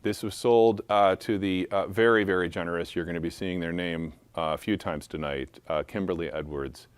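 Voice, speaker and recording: Low-voiced playful male charity auctioneer. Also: steady tone, moderate pace, clean tone, no room sound. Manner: playful, joking asides between bids. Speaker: auctioneer at a school benefit. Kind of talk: live charity auction calling.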